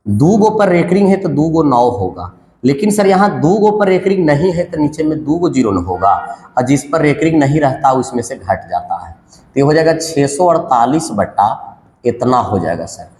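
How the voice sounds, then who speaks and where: A man's voice: mid-range voice, darkish tone. A man teaching a math lesson for exam prep, working through sums aloud in a sing-song counting patter. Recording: echoey room with long reverb.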